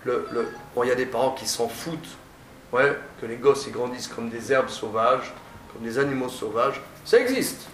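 A male teacher giving a classroom lecture, often stammering and restarting, stressing points with drawn-out phrasing. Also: mid-range voice, animated, a bit bright. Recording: echoey room, distant mic, faint noise.

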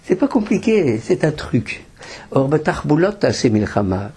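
An older man teaches a Torah class, offering simple practical advice. His voice sits fairly high and has a husky, slightly breathy grain. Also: big pitch swings, a little slow, darkish tone. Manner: explanatory, practical tips, mixing in Hebrew terms. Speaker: rabbi teaching students.

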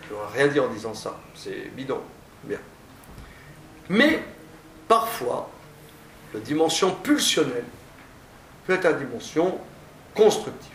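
A male teacher giving a classroom lecture, often stammering and restarting, stressing points with drawn-out phrasing. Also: medium pitch, sing-song, a bit bright. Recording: echoey room, distant mic, faint noise.

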